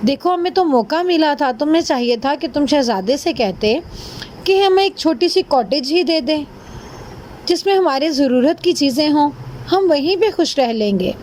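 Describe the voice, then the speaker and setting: A greedy, bossy fisherman's wife, as a woman plays her, scolding and ordering her husband about. The voice rides high and insistent in a told folk tale. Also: animated, a little mellow, a little hiss or hum. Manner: scolding, demanding.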